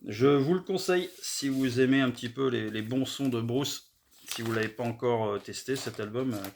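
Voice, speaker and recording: A man's voice: medium pitch, normal speed, darkish tone, a little hiss or hum. A middle-aged man from France chatting casually and hesitantly, with many fillers, about records he found. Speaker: record collector vlogger. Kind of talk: casual haul video chat.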